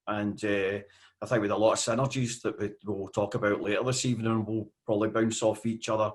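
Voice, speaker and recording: Scottish man, fifties, lowish voice, casual interview guest, halting delivery. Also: level tone. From Scotland. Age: 50s. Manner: hesitant, with frequent fillers.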